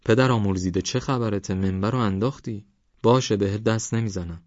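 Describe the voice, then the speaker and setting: Guy reading a chill young guy calming someone down, deep voice, dry dull sound. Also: no room sound, natural voice. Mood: reassuring. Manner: calm and reassuring. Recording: dry, slightly dull recording.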